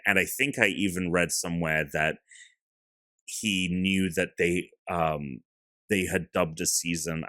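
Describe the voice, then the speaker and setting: A man's voice: low-pitched, pushed and bright, no echo, studio quality. A man chatting casually as a podcast guest, rambling with lots of fillers. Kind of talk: casual chat.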